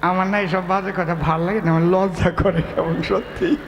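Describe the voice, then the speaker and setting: A man's voice: sits high, fairly even intonation, normal speed, muffled recording, a little hiss or hum. A man from West Bengal, a folk poet-singer telling a comic story live on stage, chatty and full of asides to the audience. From West Bengal, India. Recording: echoey hall with faint music.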